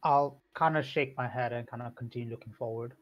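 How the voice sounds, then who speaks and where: A man's voice: mid-range voice, steady tone, fairly quick. Man role-playing, dull lo-fi sound. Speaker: tabletop game player. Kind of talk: casual in-character role-play.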